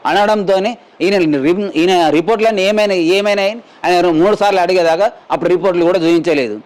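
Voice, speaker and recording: This high-voiced man from Telangana, India, is a mine worker recounting his injury in testimony to a news camera. His tone is darkish and his pace brisk, and he wanders through events while quoting the people involved.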